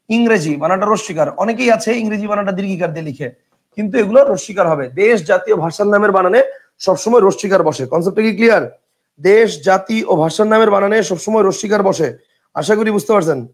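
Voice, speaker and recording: A Bangladeshi man teaching an online grammar class, his voice pitched high with a gravelly edge. He talks casually, repeats each rule several times, and keeps asking the students whether it is clear. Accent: Bangladeshi colloquial Bengali. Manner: chatty, repetitive drilling, checks if students understand; reads out student questions from chat. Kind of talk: online exam-prep class.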